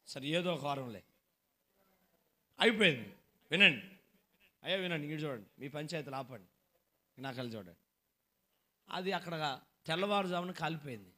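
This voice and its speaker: A man preaching a sermon, swinging between shouted exhortation and quiet storytelling, and putting questions to the congregation. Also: on the high side. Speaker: pastor.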